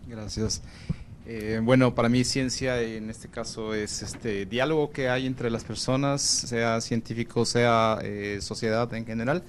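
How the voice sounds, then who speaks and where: A man's voice: medium pitch, steady tone, a little slow, slight background noise. A man doctoral student answering in class discussion, hesitant, often checking agreement.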